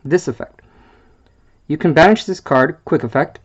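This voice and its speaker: A man with a fairly high, husky voice presents a card game deck, and the audio sounds dull. He reads the card text aloud haltingly, stumbling over wordings and filling gaps with "uh".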